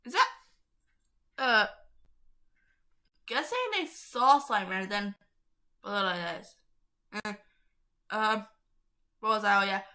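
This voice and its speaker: A woman's voice: mid-range voice, slow, pauses often, sharp tone. A woman hosting her own channel, reading aloud to viewers in a casual, chatty way, giggling often and getting easily sidetracked. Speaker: channel host.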